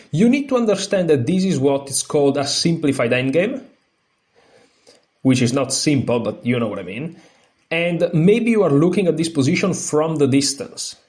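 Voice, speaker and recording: In a fairly high, slightly mellow voice, an Italian-accented host of a chess channel leads a lesson as a non-native speaker. Reading a book aloud, he halts and uses fillers and restarts, though he explains more freely afterward.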